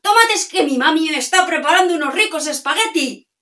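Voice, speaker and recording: A woman's voice: sits high, lively intonation, a little fast, bright, forceful tone, distant mic. A woman voicing Garbancito, a tiny cheerful boy in a storybook tale, speaking eagerly.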